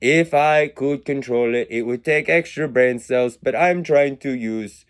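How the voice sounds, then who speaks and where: A video creator muses about numbers and words in a rambling, philosophical monologue that wanders and pokes fun at himself, his accent slipping in and out. His voice is mid-range and clean, at a measured pace.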